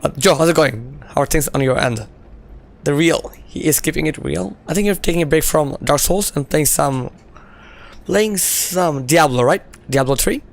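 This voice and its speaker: A male game streamer who is losing his voice chats casually with viewers as he plays. His voice is a little high with vocal fry, his pace moderate, and he laughs often and says "you know" a lot.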